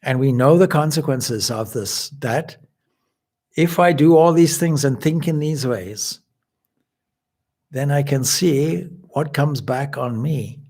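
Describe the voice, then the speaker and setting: Delivering a spiritual lecture, this Zimbabwean swami speaks in a measured, explanatory manner and sometimes restarts his sentences. His middle-pitched voice has a gravelly, husky edge and a slightly mellow quality.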